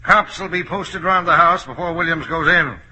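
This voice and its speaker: An actor playing a brisk, tough, slangy newspaperman in old-time radio style. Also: on the high side, sharp tone, husky, heavily acted, rough recording. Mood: brisk, scheming. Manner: snappy, slangy.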